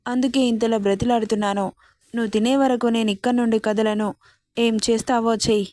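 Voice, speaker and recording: A woman's voice: fairly high pitch, steady tone, brisk, dark tone, close to an everyday voice. A woman voicing a stubborn teenage bride. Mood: defiant. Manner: pleading and childishly defiant. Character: tearful, stubborn fifteen-year-old bride.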